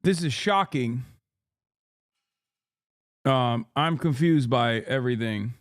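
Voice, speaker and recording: A man's voice: medium pitch, takes it slowly, no room sound, studio quality. Blunt, swearing male streamer. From Turkey. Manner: blunt, swears, argues with chat. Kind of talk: casual live-stream commentary.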